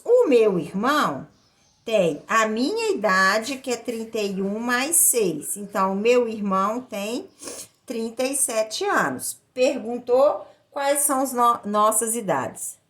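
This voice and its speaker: Her voice is a little high and fairly bright as this maths teacher, who has a Brazilian accent, explains the lesson one step at a time. She teaches didactically, repeating phrases and checking understanding with short tag questions.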